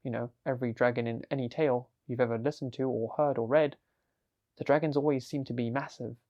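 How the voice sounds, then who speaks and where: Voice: medium pitch, fairly even intonation, a little fast, warm tone, dull audio. A storyteller narrating a fantasy tale in a chatty way, with frequent asides to the listener.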